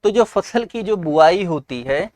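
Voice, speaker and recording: High-voiced North Indian man teaching English. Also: expressive, unhurried, a little mellow, no echo, clean studio sound. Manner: explains by asking and answering his own questions; mixes English terms into explanation. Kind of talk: exam-prep English lesson.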